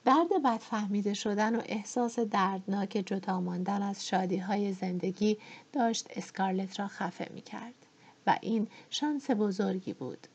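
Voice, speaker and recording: A woman narrating an audiobook of a novel in a measured, expressive reading, in a dull lo-fi recording. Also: medium pitch, breathy edge.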